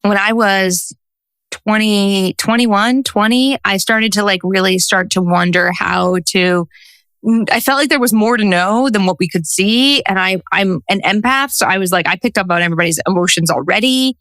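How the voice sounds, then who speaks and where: A woman's voice: medium pitch, normal speed, smooth, no echo. A woman in her forties, a social worker and coach, telling stories in a casual interview and acting out what people said. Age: 40s. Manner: animated storyteller who acts out quotes.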